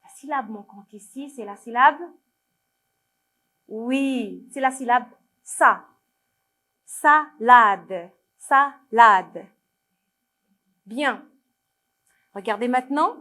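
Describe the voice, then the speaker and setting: Slow patient Moroccan woman teacher. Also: on the high side, sharp tone. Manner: slow, patient, repeats words to her pupils. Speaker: primary school French teacher. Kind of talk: video lesson for young children.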